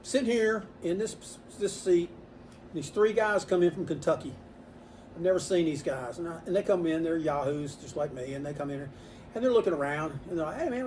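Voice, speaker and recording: An older man, a comic shop owner telling animated stories in a casual interview inside his store. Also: fairly quick, slight background noise. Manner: animated storyteller, voices customers with rising pitch.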